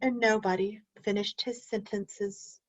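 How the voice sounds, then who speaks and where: Reading a picture book aloud to a group of children, a woman teacher speaks in a medium-pitched, unhurried voice. She brings the story to life and frequently stops to ask the children questions. The audio is dull and lo-fi.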